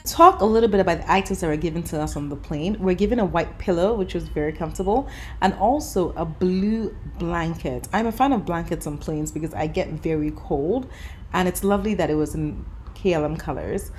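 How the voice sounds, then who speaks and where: Filming in an airport lounge with the camera at arm's length, a thirtysomething travel vlogger talks chattily and cheerfully, full of fillers such as "you know," mixing casual vlog chat with a voice-over review. Her pitch is fairly low, her pace fairly quick, and faint music plays behind her.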